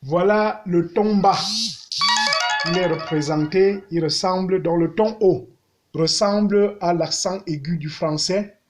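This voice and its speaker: A man teaching a language lesson, speaking deliberately and repeating words as he sings out vowels to show their tones. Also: high voice, darkish tone, lo-fi sound, faint music behind.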